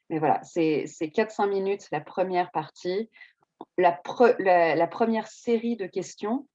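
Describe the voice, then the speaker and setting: Reassuring woman teacher, low and mellow. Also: dry recording, muffled recording. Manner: reassuring, conversational with frequent fillers. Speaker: English teacher. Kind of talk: explaining exam preparation.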